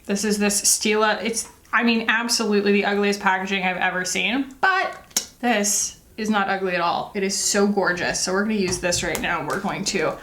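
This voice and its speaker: A woman's voice: medium pitch, normal speed, fairly bright tone. A woman beauty vlogger talking casually and confessionally, in a candid, empathetic way with emphatic asides. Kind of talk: casual confessional chat while doing makeup.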